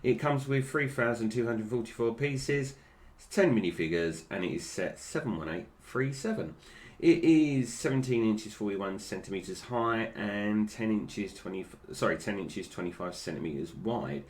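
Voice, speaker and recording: A man's voice: on the low side, moderate pace, few pauses, a little mellow. A British man giving casual, unscripted toy review commentary, with slightly slurred, toothless articulation that stumbles over names.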